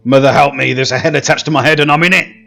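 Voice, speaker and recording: A man's voice: medium pitch, steady tone, fast talker, creaky, sharp tone, faint music behind. A man streaming a video game, making jokey, sarcastic asides in casual commentary.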